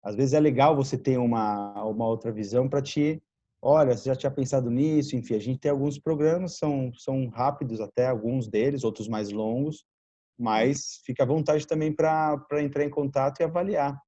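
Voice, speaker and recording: A man's voice: mid-range voice, fairly even intonation, normal speed, mellow, no room sound. Encouraging man on muffled call audio. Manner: encouraging, leans on tag questions. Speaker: business mentor. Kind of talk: video meeting talk. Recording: dull, dry lo-fi call audio.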